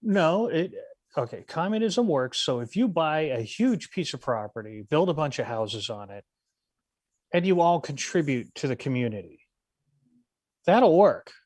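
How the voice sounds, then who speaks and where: A man's voice: fairly high pitch, big pitch swings, measured pace, darkish tone, no room sound, studio quality. Brash, emphatic man. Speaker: morning show co-host. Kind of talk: casual opinionated radio-show banter.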